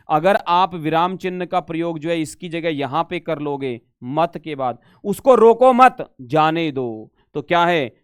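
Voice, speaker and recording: A man's voice: on the high side, clear, resonant tone, no room sound, clean studio sound. A male teacher giving a live exam-prep lesson, reading Sanskrit questions aloud, then explaining them in Hindi and coaxing students to answer. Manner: calls students "beta".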